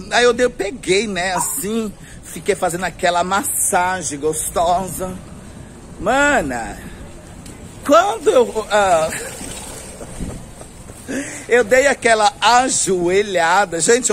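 Flamboyant high-voiced gossipy Brazilian man. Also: fairly bright tone, a little hiss or hum. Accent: Brazilian Portuguese. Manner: flamboyant, gossipy, laughing often, lots of slang address. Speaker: vlogger. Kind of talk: casual storytelling to camera. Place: outdoors on a street.

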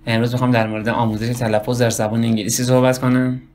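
A man with a Persian accent giving a casual spoken lesson on English pronunciation, rambling and correcting himself as he slowly demonstrates words. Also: mid-range voice, level tone, a little mellow, slight background noise.

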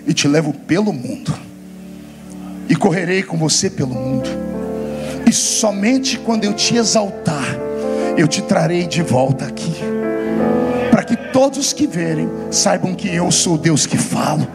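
A wild revival prophet bellows out commands in a high, piercing voice, as a preacher puts him on. He is forceful and commanding. Music plays behind him. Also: expressive, measured pace, gravelly, long pauses. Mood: solemn. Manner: booming, commanding declarations.

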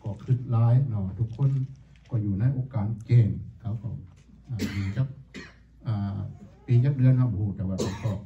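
A man preaching a sermon to his congregation, halting and full of pauses and fillers. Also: fairly low pitch. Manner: halting, many pauses and fillers, addresses the congregation as brothers and sisters. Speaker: pastor. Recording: echoey tinny phone-like sound from far off.

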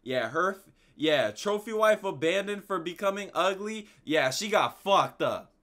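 A man's voice: high voice, animated, a little slow, a bit bright. A man giving slangy, laid-back reaction commentary as a streamer, talking at the screen.

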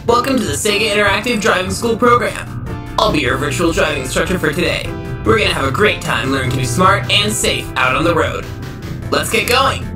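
A man's voice: high-pitched, a little fast, lightly acted. Man voicing perky, cocky Sonic the Hedgehog, roomy sound. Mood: chirpy, instructive. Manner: upbeat, cocky, instructional. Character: perky, cocky young male cartoon hedgehog driving instructor, subtly menacing. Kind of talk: scripted instructional parody in analog horror. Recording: roomy, distant sound under music. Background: music.

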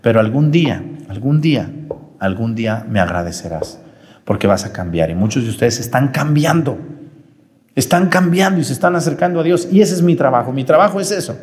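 Priest, homily, chatty and animated, long church reverb. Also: male voice, mid-range voice, brisk. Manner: lively, conversational preaching with sudden rises and drops.

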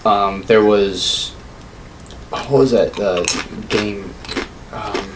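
A podcast co-host in his thirties speaks very slowly in a fairly low, steady voice. He rambles and swears a lot in a casual, opinionated chat about films and games. The small indoor home studio leaves clear background room noise.

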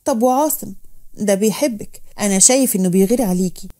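A woman's voice: medium pitch, quick pace, warm tone, close to an everyday voice. A woman voicing a nervous, joking young man.

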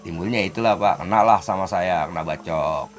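A man's voice: a little fast, faint music behind. A man casually telling of his past, his voice jumping up at the tense parts. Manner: animated, pitch jumps up when telling the fight. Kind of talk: casual storytelling.

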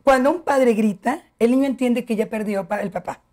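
A woman's voice: fairly high pitch, a little fast. A middle-aged woman, a family education expert, explaining patiently as a guest on a TV talk show. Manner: warm, didactic, addresses host by name.

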